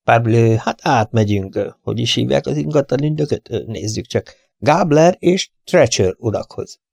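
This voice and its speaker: A man reading an audiobook and voicing a fussy, precise older detective who speaks slowly and deliberately. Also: medium pitch, lively intonation, vocal fry, a little mellow, no echo, studio quality, pitched above the performer's own voice. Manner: slow and deliberate, spelling things out.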